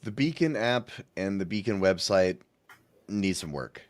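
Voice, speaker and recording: Deep-voiced man hosting casual chat. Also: a little slow, dry recording. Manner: relaxed, playful asides. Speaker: podcast host.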